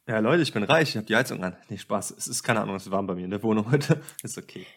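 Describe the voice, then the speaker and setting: Talking fast with an expressive, lowish, slightly rough voice, this man hosts a casual podcast from his home apartment. He jokes around and addresses his listeners in a chatty way, his voice a bit tired from a full day of talking.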